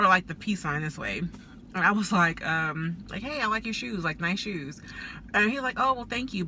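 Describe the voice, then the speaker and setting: A woman's voice: on the low side, sharp tone, slight background noise. A woman, a psychic, telling a story in a casual storytime vlog while she eats. She is chatty and fills nearly every phrase with "like.". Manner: chatty, heavy use of "like" fillers; eating while talking.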